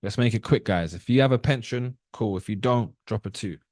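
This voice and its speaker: A man's voice: fairly low pitch, brisk, a little mellow, dry recording, studio quality. A man in his thirties teaching trading on a live call, casual and direct, often asking his viewers questions. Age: 30s. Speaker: trading educator.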